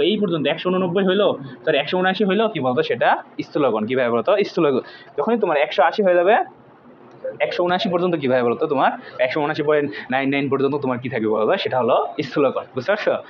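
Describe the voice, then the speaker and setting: A man's voice: fairly high pitch, expressive, fast talker, lo-fi sound, a little hiss or hum. A young man teaching an online math lesson, drilling students with repeated questions in a jokey, brotherly way. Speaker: math tutor.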